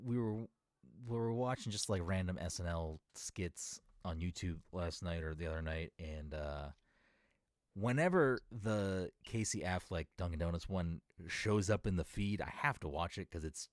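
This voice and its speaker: A young podcast co-host from Massachusetts, USA, with little regional accent, speaks in a deep, unhurried voice. The recording is studio quality with no room sound. He chats casually, wandering through tangents while enunciating carefully.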